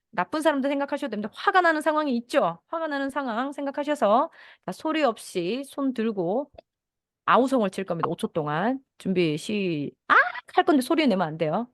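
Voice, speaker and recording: A woman giving a lecture to teachers on children's feelings, gently acting out soothing lines a teacher would say to a child. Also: fairly high pitch, expressive, a little fast, dry recording, clean studio sound. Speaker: mindfulness and parenting educator.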